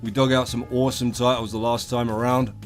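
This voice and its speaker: A British man hosts comedic game commentary in a medium-pitched voice. His delivery is irreverent and theatrical, full of colloquial swearing and mock-grand flourishes. Music plays faintly behind him. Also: flat delivery, brisk. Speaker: gaming video host. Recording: voice over a music bed.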